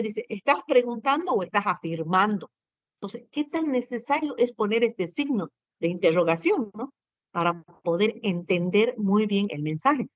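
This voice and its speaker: A woman's voice: mid-range voice, dry recording. A woman teaching a Spanish grammar class to students, explaining patiently and tagging her sentences with short questions. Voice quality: keeps adding tag questions, asks and answers herself. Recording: dull, lo-fi, dry sound.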